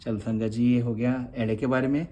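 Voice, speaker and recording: A man's voice: medium pitch, fairly even intonation, moderate pace, warm tone. A man teaching a spoken lesson on writing letters, patiently sounding them out and checking in after each word. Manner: patient, repeats sounds aloud, frequent "theek hai ji". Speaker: Gurmukhi teacher.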